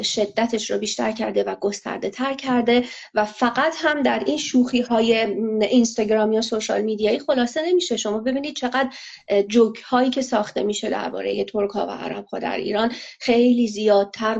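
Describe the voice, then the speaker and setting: A woman answering interview questions in a measured, analytical way, pausing often with fillers. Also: medium pitch, creaky, darkish tone. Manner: measured, hesitant, many filler pauses. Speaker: interview guest. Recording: lo-fi muffled audio.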